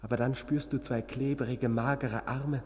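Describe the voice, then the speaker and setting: A man's voice: mid-range voice, fairly even intonation, unhurried, a little mellow, in a large hall, close to an everyday voice. A man playing a troubled young man held in a sanatorium, intense and bitter toward his doctor in a German radio play. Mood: haunted. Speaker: patient confined to a sanatorium.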